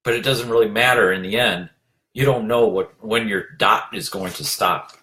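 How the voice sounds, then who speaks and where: As a leadership coach, a man gives an earnest motivational talk in a fairly low, sharp-toned voice. He urges listeners on, repeats his phrases, and fills his pauses with "you know".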